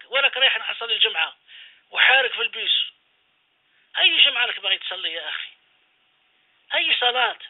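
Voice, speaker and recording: Fast, high-voiced imam preaching by phone. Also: male voice. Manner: exhorting, rhetorical questions, repeats phrases. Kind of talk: radio sermon. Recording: phone-line radio call-in.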